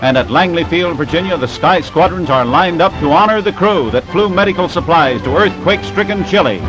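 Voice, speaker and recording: A man narrating an old newsreel in a brisk, emphatic announcer delivery. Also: fairly high pitch, lively intonation, over music, rough recording.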